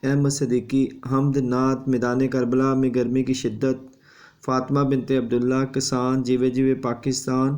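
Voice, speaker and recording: A man's voice: medium pitch, monotone, darkish tone. A male teacher giving an exam revision lesson. He lectures steadily and repeats a confirming tag after each point.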